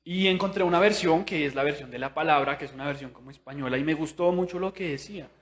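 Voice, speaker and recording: A young man preaching a sermon in a church, chatty and animated, asking his listeners questions and acting out what people think. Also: fairly high pitch, fast talker. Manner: conversational, with tag questions; animated, acts out inner voices.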